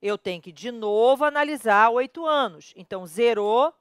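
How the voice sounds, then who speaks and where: A Brazilian woman teaching criminal law in a slightly high voice, recorded dry and close. She is emphatic, counts dates out loud and stops to correct herself. She keeps checking in with the viewer. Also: expressive, normal speed, clean tone, no echo. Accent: Brazilian Portuguese. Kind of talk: whiteboard lecture on criminal law.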